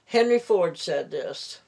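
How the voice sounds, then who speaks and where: A woman of about eighty talking casually and haltingly in a personal vlog, her lips over her gums with few teeth, slightly slurring her words. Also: lowish voice, darkish tone. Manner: slow, halting, rambling delivery. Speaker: vlogger.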